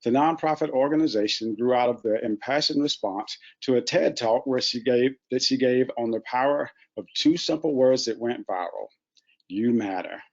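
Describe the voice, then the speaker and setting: A man hosting a webinar, reading formal scripted guest introductions in a measured way. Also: mid-range voice. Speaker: webinar host. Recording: muffled lo-fi webinar audio.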